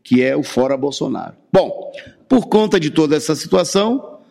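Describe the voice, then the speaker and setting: A man giving a political radio commentary, halting, with many fillers and restarts. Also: on the high side, expressive, gravelly, a little mellow, long reverb tail.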